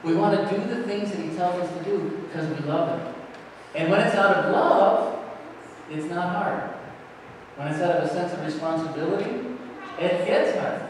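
A middle-aged pastor gives a children's sermon, his voice sitting higher than most men's. He asks the seated children gentle questions. The sound comes from a distant camera in a large church, with long reverb and faint ambience. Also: moderate pace, slight background noise. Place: large church sanctuary, indoors. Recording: echoey church hall from far off.

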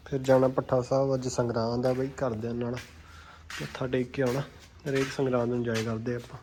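Male horse-keeping vlogger, Malwai Punjabi accent, informal and chatty, mid-pitched, faint background noise. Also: flat delivery, fairly quick, darkish tone. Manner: informal, chatty, addresses viewers as brothers. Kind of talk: casual vlog chat. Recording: noisy handheld vlog with ambient sound.

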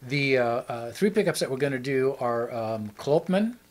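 A man's voice: medium pitch, normal speed, poor audio. Easygoing man co-hosting a chat show. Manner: rambling, easygoing, joking. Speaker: show co-host. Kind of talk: casual chat.

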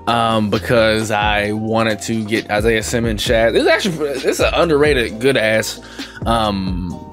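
A man's voice: fairly low pitch, a little slow, fairly bright tone, soft background music. A young man chatting casually as a gaming video creator, with informal slangy talk and some swearing. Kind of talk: casual chat over game pack opening.

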